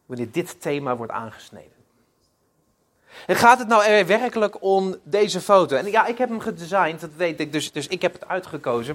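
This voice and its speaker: A man preaching a sermon, opening with prayer and telling stories in a halting way, often repeating words. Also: on the high side, fairly bright tone. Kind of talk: sermon with storytelling.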